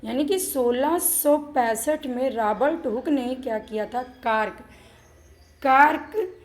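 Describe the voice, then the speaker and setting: A woman teaching a school lesson, often asking the class questions and repeating her points. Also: high voice. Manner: slow, repeats questions to students.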